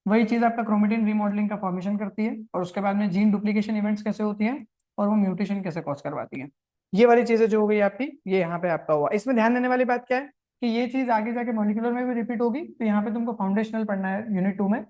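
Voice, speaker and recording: A male teacher giving a casual exam-prep lecture, brisk and direct, talking straight to his students and mixing English terms into his speech. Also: high-pitched, steady tone, darkish tone. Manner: talks straight to students, reassuring.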